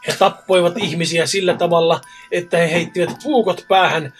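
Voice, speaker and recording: A man's voice: high voice, steady tone, soft background music. A man co-hosting a casual podcast, reading stories and joking around with frequent swearing. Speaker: podcast co-host. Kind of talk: casual chat and story reading.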